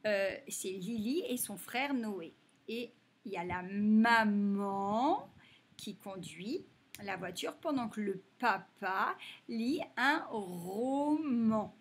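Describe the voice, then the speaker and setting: A woman teaching a reading lesson to young children, slowly stretching and stressing each example word. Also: medium pitch, animated, slightly rough. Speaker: primary school teacher.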